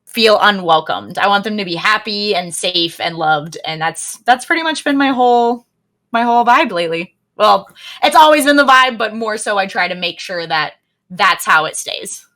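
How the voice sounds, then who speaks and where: A woman's voice: medium pitch, animated, moderate pace, a bit bright. A young American woman, a streamer being interviewed over a video call, chatty and laughing often as she talks about herself. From United States. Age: young adult. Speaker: streamer guest. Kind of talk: casual podcast interview.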